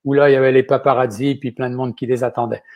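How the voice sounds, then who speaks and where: A man's voice: mid-range voice, little pitch movement, fast talker, darkish tone. An older man with a Quebec French accent, a chef speaking as an interview guest in a rambling way, often adding "ok?". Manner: rambling, tags sentences with "ok?". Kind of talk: casual interview talk.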